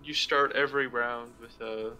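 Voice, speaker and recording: A man's voice: medium pitch, steady tone, moderate pace, bright, forceful tone. A man playing a tabletop game, thinking aloud with lots of fillers as he plans his moves. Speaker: player.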